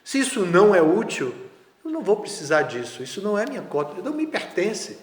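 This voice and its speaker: A man giving a spiritual lecture in a measured, conversational way with casual asides. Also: sits high, wildly swooping pitch. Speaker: spiritual teacher. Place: lecture hall. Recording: echoey hall, roomy reverb.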